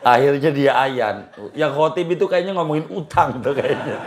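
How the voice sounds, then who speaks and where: A man, a cleric giving a relaxed religious study talk and answering questions in a colloquial, repetitive way. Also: fairly high pitch, normal speed. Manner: easygoing, colloquial, repeats phrases, chuckles.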